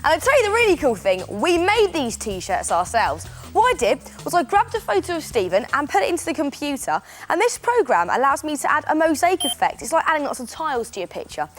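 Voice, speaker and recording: A woman's voice: high voice, sing-song, fairly quick, hardly any pauses, soft background music. A woman presenting a children's craft show, explaining steps in an encouraging way. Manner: bright, encouraging, explains step by step. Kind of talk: upbeat instructional presenting.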